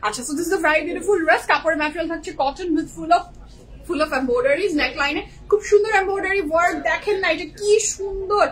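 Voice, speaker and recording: A woman's voice: extremely high pitch, a little fast, rough recording. A woman hosting a live-stream clothing sale, gushing over each dress and mixing English into her talk; a working mother. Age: young adult or 30s, a working mother. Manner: gushing, mixes English into Bengali.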